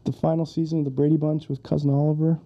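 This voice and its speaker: A podcast co-host chats casually, swearing often, laughing, and acting out quotes. His voice is a little high, fast, and mellow with little pitch movement, and the audio is dull.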